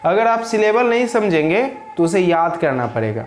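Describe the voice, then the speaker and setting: A man's voice: high-pitched, sing-song, moderate pace, a little hiss or hum. A man teaching an English grammar lesson, who keeps asking and answering his own questions and repeating key words for his viewers.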